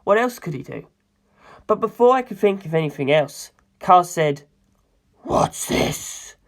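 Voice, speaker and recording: A story reader narrates first-person fiction in a medium-pitched voice, animated and at a moderate pace. It's scripted narration read aloud as the main character's own account.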